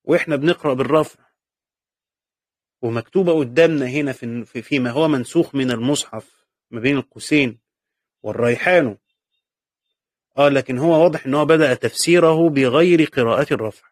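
A man's voice: medium pitch, a little fast, pauses often, no echo, studio quality. Egyptian man teaching a patient lecture. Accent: Egyptian Arabic. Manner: patient, asks and answers his own questions, repeats key points. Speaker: teacher of Quran commentary. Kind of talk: classroom lecture.

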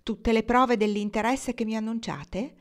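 A woman's voice: a little high, fairly even intonation, normal speed, pitched above the performer's own voice, lightly acted. A woman reading the part of a melancholy young British lord in a novel, speaking with reserve. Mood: reserved.

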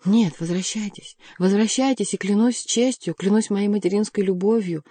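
A woman's voice: medium pitch, normal speed, warm tone, husky, no echo, lightly acted. A woman reading the part of a scheming aging queen mother who pleads in a honeyed, imploring tone. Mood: pleading.

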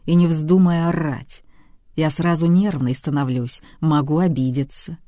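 The audiobook narrator voicing a huge male detective who barks orders and threatens slowly. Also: medium pitch, steady tone, dark tone, no room sound, studio quality, lightly acted. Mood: gruff menacing. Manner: barking orders, slow and threatening. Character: huge menacing male detective, gruff and blunt.

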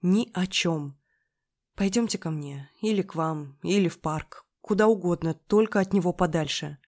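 Brief: reader putting on feisty young woman student, loud and snappy, audiobook character. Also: fairly low pitch, moderate pace. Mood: flustered.

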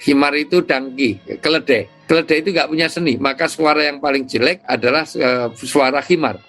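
A man, an Islamic cleric, explaining ideas in an interview with lively storytelling. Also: on the high side, moderate pace, faint music behind. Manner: lively storytelling with imitated sounds.

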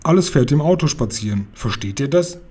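Ein brummiger, leicht verzweifelter Onkel aus einem vorgelesenen Kinderbuch, von einem Mann gelesen. Die Stimme ist gedämpft und dunkel gefärbt, mit einem rauen Unterton. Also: male voice, mid-range voice, expressive, a little fast, darkish tone, husky. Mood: grumbling. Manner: exasperated, grumbling. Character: worried, grumbling uncle, a pharmacist. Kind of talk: reading a children's book aloud.

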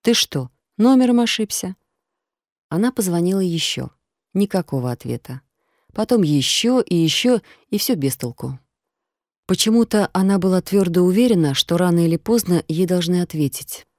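Low, mellow woman narrating an audiobook. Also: dry recording, clean studio sound. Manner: calm, measured storytelling.

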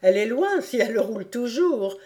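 A woman voicing a steady, good-natured man. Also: a little high, normal speed, voice pushed up. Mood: amused.

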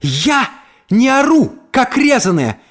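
A man voicing a hysterical middle-aged mother who shouts in a shrill, trembling voice. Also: sing-song, slow, heavily acted. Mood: furious.

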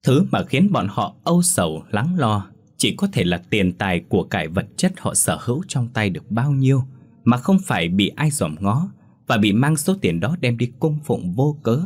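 A man's voice: fairly low pitch, a little mellow, husky. A man narrating a first-person story in a bitter, scornful tone.

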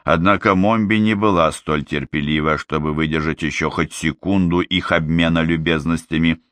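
A man reading an audiobook in steady scripted narration. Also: very deep voice, normal speed, no room sound.

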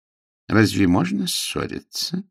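A man reading aloud, voicing a stern elderly nanny who scolds slowly and firmly. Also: fairly low pitch, big pitch swings, vocal fry, breathy edge, full character voice. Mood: scolding. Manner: strict, scolding, drawn out. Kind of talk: audiobook character voice.

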